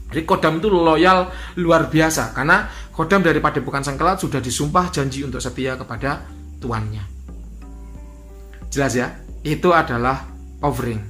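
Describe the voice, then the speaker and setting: A man's voice: fairly high pitch, bright, forceful tone. A man giving an instructional talk as a spiritual teacher, repeating key points and asking rhetorical questions.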